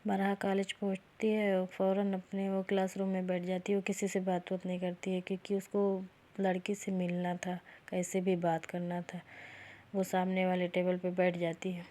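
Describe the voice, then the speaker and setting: A woman narrates a romance story in a relaxed, chatty way, as if talking to friends. Her voice stays fairly level with little rise and fall, and her tone is mellow and dark rather than bright. She reads the characters' lines without putting on voices. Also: on the low side, normal speed. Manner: chatty, retells dialogue plainly without doing voices. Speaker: storyteller and channel host. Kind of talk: casual spoken storytelling.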